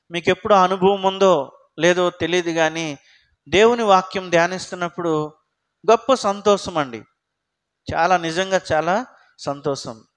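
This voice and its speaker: A man's voice: sits high, fairly bright tone. A man preaching a sermon as pastor, talking in a conversational way and putting frequent questions to the congregation.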